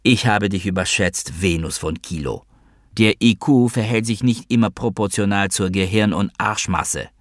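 A man's voice: fairly low pitch, normal speed, no room sound, clean studio sound, close to an everyday voice. A man voicing an irritable, scornful male monk in a spoken story, talking in a mocking, snapping way.

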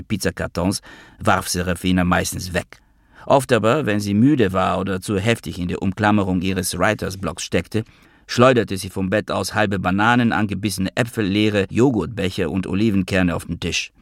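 Deep gravelly male audiobook narrator. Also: dry recording, clean studio sound.

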